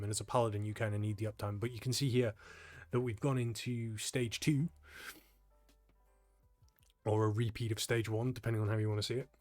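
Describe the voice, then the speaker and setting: A young man, a gaming channel host, casually talking through a gameplay guide in a relaxed, explanatory way, sounding tired and yawning. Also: on the low side. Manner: relaxed, explanatory, frequent ums.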